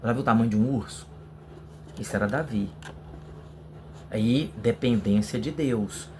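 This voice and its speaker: A man's voice: medium pitch, measured pace, a little hiss or hum. A man, teaching a Sunday school lesson in a casual, emphatic way on an improvised computer mic. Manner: conversational, emphatic, swings between loud bursts and quiet asides. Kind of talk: casual lesson preparation talk. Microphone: improvised computer microphone.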